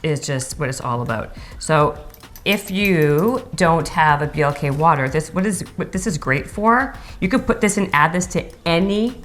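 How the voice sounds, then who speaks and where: Female host of a casual cooking segment, low-pitched, chatty and rambling. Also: expressive, normal speed, a bit bright, slight background noise. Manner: chatty, repeats words while searching for them.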